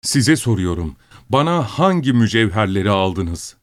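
A man's voice: mid-range voice, lively intonation, normal speed, darkish tone, no room sound, clean studio sound, voice pushed up, close to an everyday voice. A man voicing a sobbing, defiant kept woman. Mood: angry demanding. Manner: sobbing, indignant outbursts.

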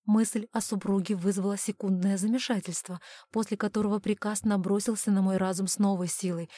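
A woman's voice: mid-range voice, dark tone, no room sound. A woman narrating a first-person fantasy audiobook in tense, clipped phrases.

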